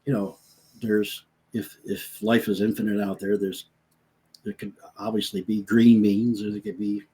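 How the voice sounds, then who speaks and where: A man on a discussion panel who asks questions in an animated way. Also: on the low side, normal speed, slightly rough.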